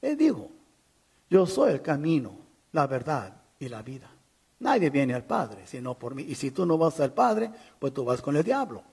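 A man with a slightly high, husky voice preaches to a church congregation. He drives his points with rising insistence, then sinks to hushed, grave warnings. His delivery is urgent and pleading. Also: sing-song, moderate pace. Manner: emphatic, swinging from raised insistence to low, quiet warnings. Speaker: pastor. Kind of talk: sermon.

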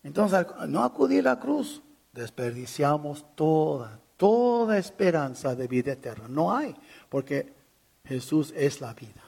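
A pastor preaching a sermon to his congregation, pressing his points hard, then dropping to low, quiet warnings. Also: sing-song, a little slow, vocal fry, husky. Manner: emphatic, swinging from raised insistence to low, quiet warnings. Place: church, speaking to a congregation.

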